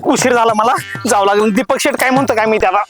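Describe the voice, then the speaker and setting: A man's voice: high-pitched, fast talker, fairly bright tone. A man acting in a village serial, pleading his side in a roadside quarrel. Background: background music.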